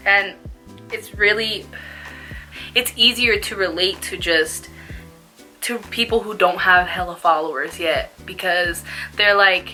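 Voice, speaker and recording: Young female vlogger, bright voice, slangy laid-back stoner chat, music underneath. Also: lowish voice, measured pace, long pauses. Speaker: small YouTube vlogger. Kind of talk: casual smoke-along chat to camera.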